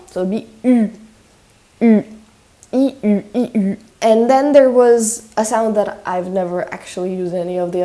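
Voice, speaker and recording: A woman talks through how speech sounds and tones work in a relaxed, conversational way. She says example sounds aloud as she goes and hedges her attempts. Her voice is soft and mellow rather than bright. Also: medium pitch. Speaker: language-learning video creator. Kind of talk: casual explanatory talk.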